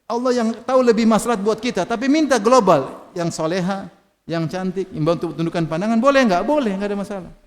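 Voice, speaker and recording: A high-pitched Indonesian man gives an animated sermon, joking with his listeners and reciting Arabic verses. His voice carries a long echo through a mosque hall. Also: fast. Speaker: preacher.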